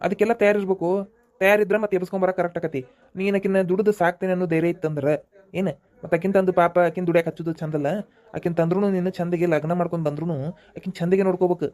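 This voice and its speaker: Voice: mid-range voice, flat delivery, darkish tone, close to an everyday voice. A performer with a North Karnataka Kannada accent voicing a practical village friend in a cartoon, giving matter-of-fact advice. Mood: advising. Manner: advising, matter-of-fact, quick. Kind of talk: cartoon voice acting.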